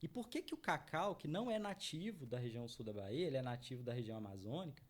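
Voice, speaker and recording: A man's voice: medium pitch, animated, fast. A middle-aged man from Minas Gerais, a chocolate brand founder, explaining his business in an interview with earnest repeated checks of "right?". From Minas Gerais, Brazil. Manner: earnest, repeats "né?" often, addresses audience.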